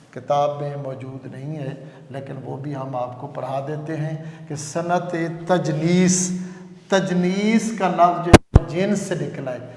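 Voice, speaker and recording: A man's voice: on the high side, noisy background. Man lecturing in an echoey hall. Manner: repetitive, explains slowly with examples. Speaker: Urdu grammar lecturer. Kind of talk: classroom lecture. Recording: echoey classroom with long reverb.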